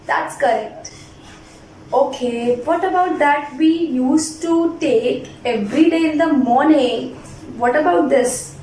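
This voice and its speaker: Woman, phonics teacher, high voice, deliberate word-by-word enunciation, call-and-repeat prompts, roomy echo. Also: darkish tone. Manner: deliberate spelled-out enunciation, sounding words out for repetition. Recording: roomy echo, distant mic, faint noise.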